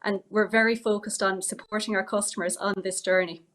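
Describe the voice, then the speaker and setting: A woman's voice: medium pitch, steady tone, fairly quick, fairly bright tone. A woman executive introducing herself on a panel with a polished, corporate delivery over a video call.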